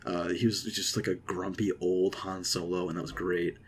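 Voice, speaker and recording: A young man casually rambling through an excited movie reaction, with lots of fillers and restarts. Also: deep voice, normal speed, breathy edge. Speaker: vlogger.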